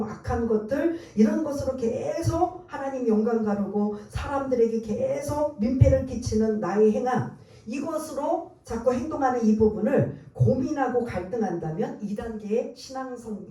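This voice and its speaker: A woman's voice: on the high side, dark tone. A woman pastor preaching a sermon, emphatic and quizzing her congregation with rhetorical questions. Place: church sanctuary. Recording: very echoey church hall, mic at a distance.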